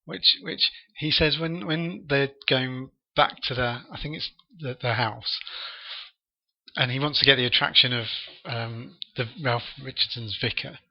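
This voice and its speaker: A man's voice: mid-range voice, fairly even intonation. A man co-hosting a podcast, chatting playfully about an old film and joking with his partner. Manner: playful, jokey, quick to agree. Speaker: podcast co-host. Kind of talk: casual film discussion. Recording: dull lo-fi podcast audio.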